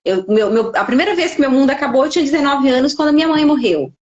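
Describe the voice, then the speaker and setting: A woman's voice: high voice, fast, muffled recording. A middle-aged Brazilian woman who speaks Portuguese and tells stories in a podcast conversation, acting out the dialogue she quotes. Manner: expressive storyteller, acts out quoted dialogue. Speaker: podcast guest, life coach. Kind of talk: casual conversation.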